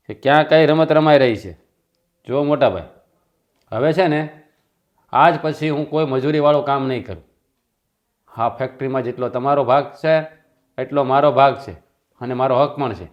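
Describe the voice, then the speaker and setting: A man's voice: mid-range voice, normal speed, pauses often, natural voice. A man playing a defiant younger brother, dull recording. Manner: defiant, insistent. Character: resentful younger brother demanding his share. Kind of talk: Gujarati family stage drama.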